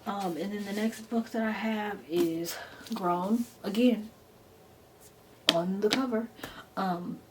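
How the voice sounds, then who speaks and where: A woman's voice: mid-range voice, takes it slowly, long pauses. A woman giving a chatty, gushing book review in an informal, enthusiastic way, stressing words by repeating them. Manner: informal, enthusiastic, emphatic repetition. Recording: noticeable background noise.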